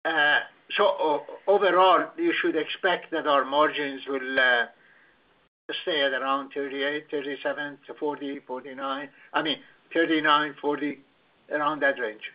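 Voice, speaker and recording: A hoarse male company executive, losing his voice, answering analysts on an earnings call in a measured, hesitant way. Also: mid-range voice, little pitch movement. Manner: measured, hesitant with fillers and coughs. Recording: muffled conference-call audio.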